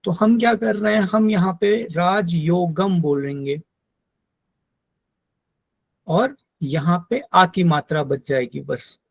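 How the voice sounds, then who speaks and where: A man teaching a yoga text in an online class, explaining slowly and patiently and drilling Sanskrit pronunciation. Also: sits high, gravelly, no echo. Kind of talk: online lecture.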